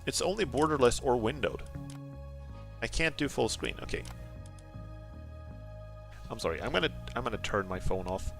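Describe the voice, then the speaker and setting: A man doing casual live gameplay commentary in an excitable, rambling, jokey way. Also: medium pitch, normal speed, gravelly, long pauses. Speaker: game streamer. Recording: game music behind the voice. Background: video game music.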